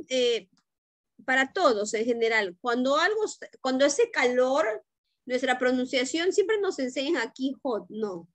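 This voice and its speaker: A woman's voice: high voice, fairly bright tone, no echo. A woman teacher leads an online class, correcting students' pronunciation and checking in often. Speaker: English teacher. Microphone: video call.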